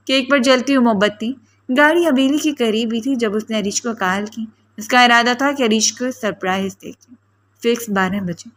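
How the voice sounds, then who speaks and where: A woman's voice: a little high, a bit bright. A woman reading a romance novel aloud as audiobook narrator, telling the story with drama.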